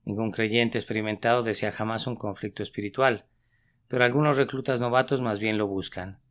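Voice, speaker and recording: Man reading a sermon in a smooth voice. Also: on the low side, steady tone, a little fast, fairly bright tone. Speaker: sermon reader.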